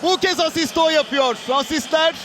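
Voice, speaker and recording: A man giving live football play-by-play in an excitable way, with clipped phrases and drawn-out names. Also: very high voice. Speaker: football match commentator. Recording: roaring stadium crowd noise behind voice. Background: stadium crowd ambience.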